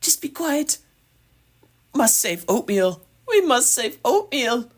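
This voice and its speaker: A man voicing a small frantic male goblin who squeaks and hisses urgent pleas. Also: very animated, full character voice. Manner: high, hurried, whispering pleas.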